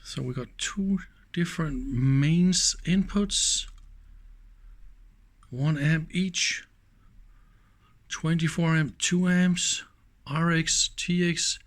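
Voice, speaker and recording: With a slightly husky, somewhat high voice, a man narrates a hands-on teardown for his video in an informal, eager way, full of exclamations and thinking aloud.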